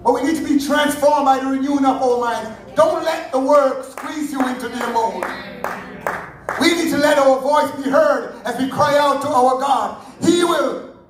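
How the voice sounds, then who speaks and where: Male preacher, very high voice, fervent sermon with shouted peaks, recorded far off in a booming church hall. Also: moderate pace, background noise. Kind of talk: Sunday sermon. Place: church sanctuary. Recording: very echoey church hall, heard from afar.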